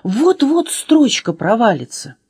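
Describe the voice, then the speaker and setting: Woman voicing a young storybook girl, clever, quick-tempered, high pitched, lively. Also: slightly rough, dry recording, clean studio sound, full character voice. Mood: panicked. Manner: high, excited, sometimes mocking.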